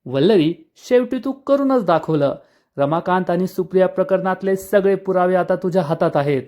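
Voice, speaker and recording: A man's voice: sits high, moderate pace, darkish tone, natural voice. A man voicing a scheming middle-aged woman who gloats with self-satisfaction. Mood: gloating.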